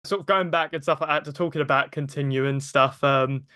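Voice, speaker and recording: British male podcast host, bright and a touch high, rambling questions, dry close sound. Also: fairly even intonation, a little fast, clean tone, no echo. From Britain. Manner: rambling, heavy on filler phrases. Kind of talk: casual interview chat.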